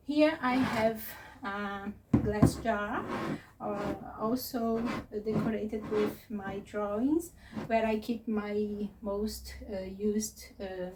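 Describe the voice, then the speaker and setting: A woman who is not a native English speaker, giving a casual, unscripted tour as a vlogger in a hesitant, halting way. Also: mid-range voice. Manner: hesitant, halting phrasing with searching pauses. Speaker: craft vlogger and presenter. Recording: distant mic with faint noise.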